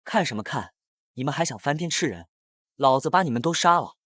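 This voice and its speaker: A man doing a gruff, vengeful old village grandfather. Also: fairly high pitch, lively intonation, brisk, fairly bright tone, no room sound, studio quality. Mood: furious. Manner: gruff, scolding.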